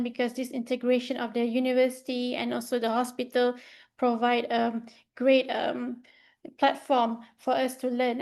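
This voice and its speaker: With a high-pitched but darkish-toned voice, a young Malaysian woman in medical training works through a report off her slides. Her delivery is relaxed and loosely phrased, sprinkled with fillers.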